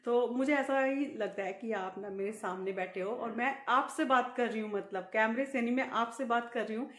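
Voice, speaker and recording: A woman's voice: on the high side, normal speed, a bit bright. A middle-aged woman vlogging in casual chat to the camera, laughing often as she talks. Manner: laughs often while talking. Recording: echoey room.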